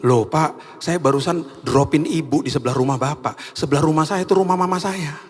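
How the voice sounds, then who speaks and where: A man voicing a young male ride-hail driver who talks in a high, pleading, polite way. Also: fairly quick, natural voice. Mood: chatty, amazed. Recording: reverberant church hall.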